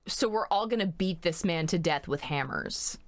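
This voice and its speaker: A woman's voice: fairly low pitch, expressive, normal speed, no echo. A woman game streamer chatting casually through a playthrough, profane and joking.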